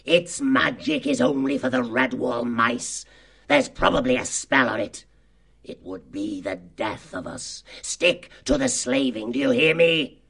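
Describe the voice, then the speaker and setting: A man voicing a cruel, cunning fox who leads a slave gang, sarcastic, menacing and boastful, with a gravelly, husky voice, in a dramatised animal tale. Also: medium pitch, animated, slow, fairly bright tone, exaggerated voice. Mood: furious. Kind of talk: dramatised audiobook character acting.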